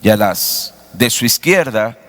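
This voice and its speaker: A man's voice: lowish voice, animated, measured pace, a bit bright. Preaching pastor, man, in reverberant church. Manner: preaching with rhetorical questions to the congregation. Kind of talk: sermon. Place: church sanctuary.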